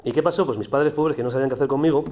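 A man's voice: mid-range voice, very fast, highs cut off. Man telling his story. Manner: conversational, animated, with many restarts. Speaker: speaker giving a personal testimony. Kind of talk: storytelling testimony to an audience.

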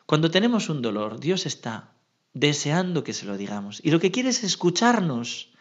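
A man's voice: on the high side, normal speed, muffled recording. A parish priest with a Spanish accent from Spain gives a homily full of anecdotes, constantly tagging his phrases with a questioning "¿no?". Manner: lively storyteller, adds "¿no?" after nearly every phrase.

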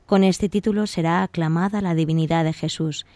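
A woman reads a passage aloud in a measured, formal way. Her voice is low and mellow, and the sound is dry and close. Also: steady tone, no echo. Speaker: reader of the catechism text. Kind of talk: reading aloud.

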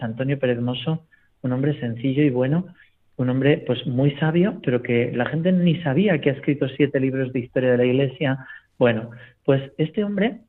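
Priest on a phone line. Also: male voice, mid-range voice. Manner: storytelling, constant tag question "¿no?". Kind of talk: reflective spiritual talk on radio.

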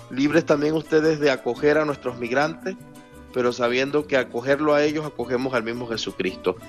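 A Venezuelan man, a parish priest, speaking earnestly as a guest in a remote radio interview and repeating words for emphasis. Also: medium pitch.

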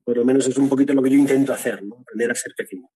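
Husky-voiced man, earnest. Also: mid-range voice, steady tone, very fast, mellow, poor audio. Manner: earnest, tags phrases with "¿no?". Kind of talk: interview, faith testimony.

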